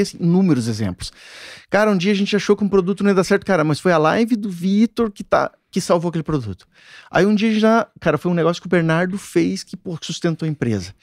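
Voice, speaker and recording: A Brazilian man guests on a podcast and talks quickly in a slightly raised voice. He rambles in long runs, stacking filler slang between his thoughts. The sound is dry and close, with no echo. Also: high-pitched. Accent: Brazilian Portuguese. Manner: rambling, fills with "cara". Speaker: podcast guest, company co-founder. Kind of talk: casual podcast chat.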